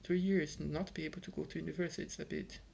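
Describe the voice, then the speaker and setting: Fast and gravelly, with a darkish, slightly rough tone, this fairly high voice keeps fairly even intonation. It's a young Brazilian man, native in Portuguese, speaking Brazilian-accented English in a frustrated, rambling casual vlog monologue, full of fillers and restarts, at home in Ireland.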